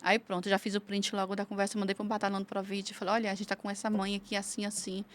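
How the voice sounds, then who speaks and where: A woman's voice: mid-range voice, quick pace. A woman from the Federal District of Brazil, a community leader and guest, recounting real cases in a casual interview and acting out the dialogue of the people involved. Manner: lively retelling of cases, acting out quoted dialogue.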